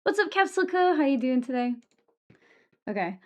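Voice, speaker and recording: A woman's voice: high voice, sing-song, normal speed. A woman chatting casually on a livestream in a sweary, self-deprecating way, with harsh, sibilant S sounds. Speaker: streamer. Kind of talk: casual livestream chat with viewers. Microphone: streaming microphone with EQ and compressor. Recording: muffled, dull microphone sound.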